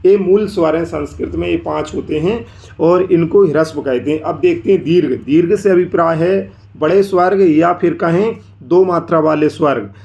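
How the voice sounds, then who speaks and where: Man, teacher, gravelly, slightly high voice, dull lo-fi recording, methodical explaining. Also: darkish tone. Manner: slow, explanatory, often drawing out sounds to demonstrate. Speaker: Sanskrit teacher. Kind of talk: explaining a lesson.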